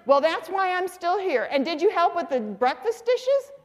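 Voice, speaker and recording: A woman voicing an exasperated middle-aged mother scolding her husband in a shrill, nagging way. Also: very animated, moderate pace, in a large hall.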